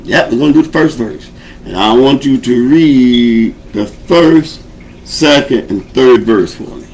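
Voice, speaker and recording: Hosting a show, a man teaches an informal sermon, preaching folksily and conversationally and prompting his audience with call-and-response. His mid-range, darkish voice is unhurried. Poor audio carries a little hiss or hum.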